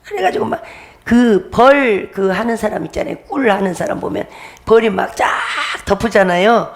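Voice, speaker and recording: A middle-aged woman pastor delivers a testimony sermon with a gravelly, creaky edge to her voice. She speaks at an ordinary pitch, pressing her points by repeating them and laughing between phrases. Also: expressive, moderate pace. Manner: emphatic, repetitive, laughs while preaching.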